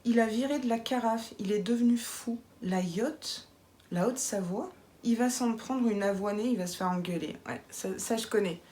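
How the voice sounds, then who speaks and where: A woman chatting casually in a vlog, playful and quick to laugh as she reads viewer comments and unboxes makeup. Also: on the high side, mellow. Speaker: beauty vlogger.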